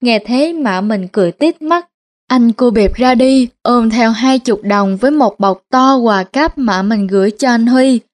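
A woman narrating a storybook tale in the first person. Her voice sits a little high, and she keeps a steady, plain reading tone. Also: measured pace.

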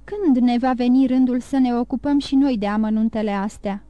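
A woman's voice: on the high side, steady tone, no room sound, lo-fi sound, close to an everyday voice. Woman reading as an ardent young officer. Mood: pleading. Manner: pleading, urgent. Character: young male officer, ardent and fearful lover.

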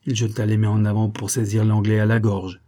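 A man reading a classic novel aloud as an audiobook, in steady, measured narration. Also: lowish voice. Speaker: audiobook reader. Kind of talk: scripted narration.

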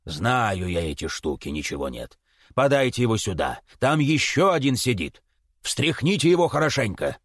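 A blunt, suspicious Cossack villager of middle years, put on by a male reader, grumbling and exclaiming with a lively, swinging voice. The reading sounds close and dry, as in a storybook recording. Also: medium pitch, normal speed, dry recording. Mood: blustering.

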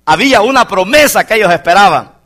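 Man, pastor, fervent sermon, bright voice, very lively pitch. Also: fast talker. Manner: fervent preaching, keeps addressing the congregation as brother. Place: church congregation.

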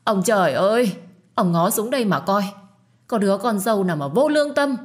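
A loud, high-pitched mother-in-law who screeches abuse and wails to the heavens, put on by a woman reading an audio story. Her voice climbs well above the storyteller's own and hits hard. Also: expressive, a little fast, lightly acted. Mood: furious. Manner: shrieking, abusive, wailing to the heavens. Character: scornful shrill mother-in-law, older woman.

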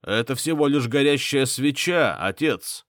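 A man's voice: medium pitch, animated, measured pace, fairly bright tone, dry recording, studio quality, pitched above the performer's own voice. A man voicing a brutal clan head who barks orders and sneers. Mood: scornful. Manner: barking orders, scornful. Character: brutal middle-aged clan head, contemptuous.

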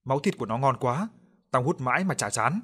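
A man's voice: mid-range voice, animated, fairly quick, fairly bright tone, breathy edge. A man voicing a ravenous demon that possesses a pregnant woman, snarling and gloating in a storytelling.

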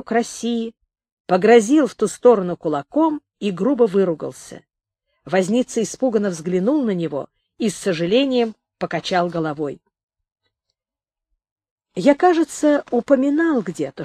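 Woman audiobook narrator, animated pitch, dry close studio sound. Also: dry recording. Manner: expressive, varied reading.

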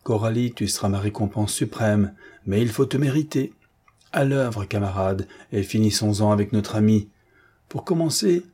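A man's voice: lowish voice, slightly rough. A man reading an audiobook, voicing a cruel, mocking male gang chief who tortures a captive and taunts him. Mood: coldly taunting. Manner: taunting, then furious and shouting.

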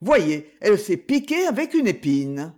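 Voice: mid-range voice, sing-song, a little slow, darkish tone. A reader voicing an anxious young man in a classic novel audiobook, urgent and insistent. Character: young man, worried fiancé.

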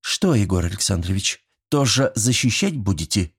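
A man voicing a strict, brisk young village medic woman who scolds in a stern way. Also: on the low side, animated, slightly rough.

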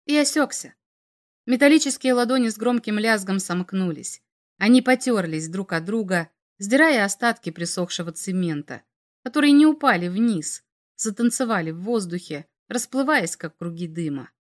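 A woman's voice: mid-range voice, animated. Woman narrating an audiobook dramatically. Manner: measured, dramatic reading. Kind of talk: audiobook reading of science fiction.

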